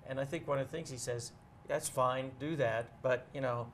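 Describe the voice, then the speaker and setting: Guesting on a casual interview as a bookseller, a man talks with fairly even intonation at a medium pitch. His delivery is measured and explanatory, broken by pauses while he chooses words, and a little hiss or hum is audible.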